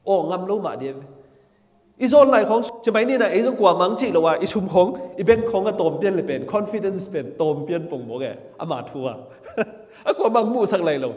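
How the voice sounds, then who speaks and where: Animated preacher man with hall reverb. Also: high voice. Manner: animated, with frequent laughter and amens. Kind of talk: sermon.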